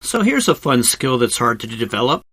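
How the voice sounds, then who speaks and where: A man with a bright, crisp-edged voice narrates a travel video in lively, swooping intonation. He explains things conversationally, like an informal guide, and drops in wry asides. The voice-over sounds close and very dry. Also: medium pitch, normal speed, no room sound. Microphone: close voice-over microphone, recorded separately from the cave.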